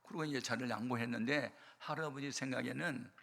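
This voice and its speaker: An older male pastor preaching a sermon, telling a story with emphatic swings from quiet to loud. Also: medium pitch, brisk, creaky. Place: church or prayer hall. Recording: long hall reverb.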